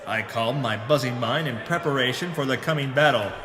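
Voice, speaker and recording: A man with a mid-range voice, lightly acted, plays a pompous hard-boiled adventurer and narrates like a pulp radio serial. His delivery is deliberate, melodramatic and grave, setting a suspenseful mood. The voice is reverberant, with music playing underneath.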